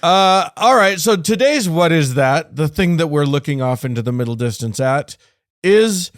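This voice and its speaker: A man co-hosting a podcast in casual conversation, halting with frequent restarts and fillers, his phrases fading quietly at the ends. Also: on the high side, animated, dry recording, studio quality. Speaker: podcast co-host.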